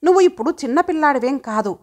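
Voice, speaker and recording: Lady doing a worried storybook mom, pleading and lecturing, high voice. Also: lively intonation, fast talker. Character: caring middle-aged mother, gentle but firm.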